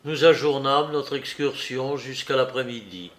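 A man narrating a classic novel as an audiobook, with a measured, even literary reading. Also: mid-range voice.

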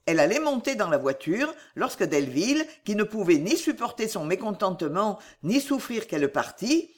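A woman narrating an old novel as an audiobook, in measured storytelling phrases. Her pitch moves animatedly through each sentence. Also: very animated. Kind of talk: audiobook reading of a classic novel.

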